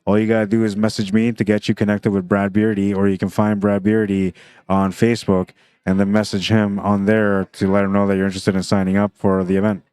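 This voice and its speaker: Male livestream pool commentator: low, even delivery, talks through shots casually. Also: brisk, smooth, no echo. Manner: chatty, thinks aloud about shots.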